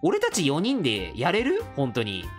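Gaming host, woman, lower pitch with very animated swings, playfully rallies the players. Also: moderate pace, soft background music. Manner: playful, reads game text aloud and rallies the other players. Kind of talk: game commentary.

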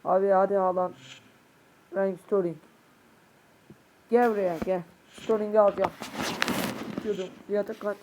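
A man gives casual gameplay commentary, excitable and prone to shouting at his players or muttering curses. He is a bit sick. There is steady noise in the background. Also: sits high, a little slow, pauses often, highs cut off. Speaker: gaming youtuber. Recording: noisy home recording.

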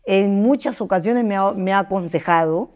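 A middle-aged woman who writes her own songs, speaking candidly in an interview. She tells her stories with energy and many fillers, jumping into higher voices whenever she quotes others. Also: normal speed. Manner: lively storyteller, jumps into high voices to act out quotes, many fillers. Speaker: singer-songwriter.

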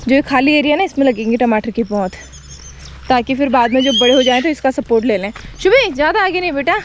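A woman's voice: sits high, fast talker, noisy background. A young woman walking through farm fields, chatting casually to viewers on a phone camera and pointing out the crops. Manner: chatty, shows things to viewers. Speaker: vlogger. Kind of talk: casual farm vlog narration.

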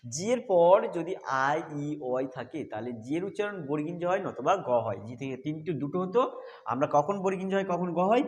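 Here a Bengali man gives a phonics lesson, patiently restating each English pronunciation rule as he goes through them step by step. His pitch is on the high side, his intonation lively, and his pace brisk.

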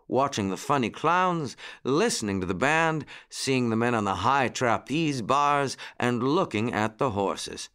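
Expressive male storyteller reading a children's tale. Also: medium pitch, clean tone. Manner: expressive, dramatic pauses.

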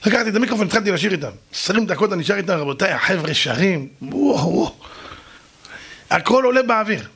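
A man, a rabbi, telling a lively story straight to his listeners and acting out other people's voices. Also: high voice, few pauses, breathy edge. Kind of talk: storytelling talk to an audience.

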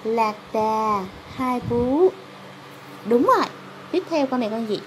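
High voiced mom w southern vietnamese accent reading to her toddler, asking little questions, encouraging, bit of room noise on a phone vid. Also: animated, slow. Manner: encouraging, prompting with questions and confirmations. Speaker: mother. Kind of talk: reading an animal picture book to a toddler, quizzing. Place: hard-tiled room at home. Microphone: handheld phone camera. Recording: noisy handheld home phone video.

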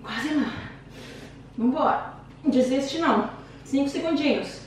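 A fitness instructor with a Brazilian Portuguese accent leads a home workout in a high, unhurried voice, chatty and encouraging as she counts down reps, out of breath from exercising. The room at home is very echoey, with a distant mic and faint noise.

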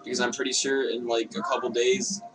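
A man's voice: medium pitch, level tone, a little fast. A young man in a casual, laid-back review chat, swearing freely and talking around a hookah mouthpiece. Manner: laid-back, swears a lot, filler-heavy. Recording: distant camera mic with noise.

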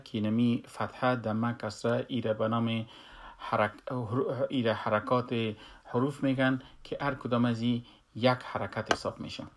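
A man teaching a Quran recitation lesson, explaining slowly and calling out drawn-out letter sounds. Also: medium pitch. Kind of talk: tajweed lesson.

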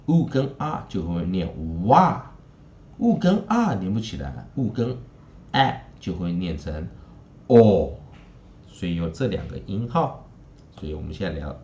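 A man teaching English phonics in Mandarin with a Taiwanese accent. He explains in quick bursts with casual tag particles, then drills each word three times over. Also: lowish voice, dark tone, echoey room, muffled recording. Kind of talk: phonics lesson with slow drilled word repetition.

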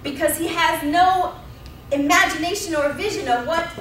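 A woman in her thirties preaches from the pulpit as pastor, retelling a story with emphatic repetition. Her voice is very high, a bit bright, and at a normal speed. The pulpit mic sits at a distance in the church sanctuary, so the sound is roomy and off-mic, with slight background noise.

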